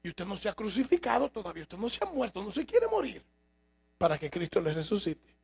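Raspy, high-pitched preaching man. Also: huge pitch swings, a little fast. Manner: emphatic, rhetorical questions to congregation. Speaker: pastor. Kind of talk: sermon. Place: church.

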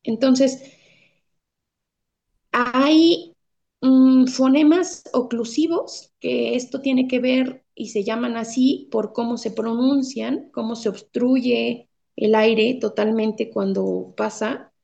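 A woman's voice: a little high, fairly even intonation, slow, creaky, mellow, muffled recording. A woman guest therapist explaining speech patterns patiently, step by step, in an interview.

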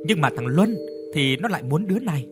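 Sly second wife, a guy doing her, soft-spoken, pitch rising and falling. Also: expressive, a little fast, music in the background, natural voice.

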